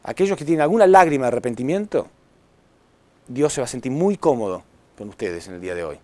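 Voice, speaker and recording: A man preaching a sermon to a congregation, impassioned, swinging between loud appeals and hushed words, often asking the audience questions. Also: medium pitch, lively intonation, quick pace, no echo. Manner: addresses audience with rhetorical questions.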